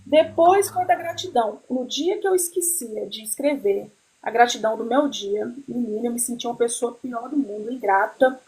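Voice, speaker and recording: A woman with a high, bright-pitched voice talks casually as host of a chat. She tells personal stories with lively swings in feeling and keeps checking that the listener follows. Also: moderate pace, rough recording. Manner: tells stories animatedly, often checks in with "entendeu?". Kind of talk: casual conversation.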